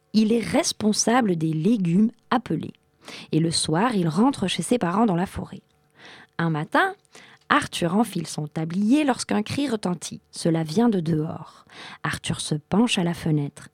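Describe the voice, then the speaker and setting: Woman narrator, children's storybook, low-ish voice, very animated, dry close sound. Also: husky, dry recording. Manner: expressive, lively storytelling.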